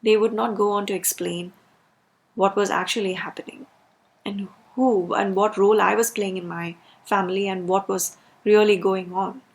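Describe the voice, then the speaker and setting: A woman's voice: medium pitch, steady tone, normal speed. A woman delivering a personal rant as a video creator, speaking emphatically and repeating words for stress.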